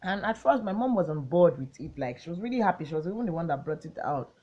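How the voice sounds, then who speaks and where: A young woman with a low, deep voice talks through a chatty, rambling storytime for her channel. The home recording sounds muffled and lo-fi. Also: fast talker. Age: 20s. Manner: chatty, rambling, gets excited recounting the story. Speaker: vlogger. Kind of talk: casual storytime chat.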